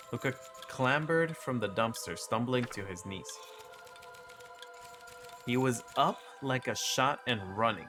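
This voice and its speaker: A man hosting a gaming video, reading the dialogue and narration aloud with casual, chatty asides. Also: medium pitch. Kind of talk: reading game dialogue aloud while playing. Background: game music.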